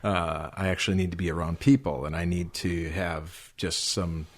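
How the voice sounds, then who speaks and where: Low-voiced man musing in conversation. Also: steady tone, moderate pace. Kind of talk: casual ministry podcast discussion.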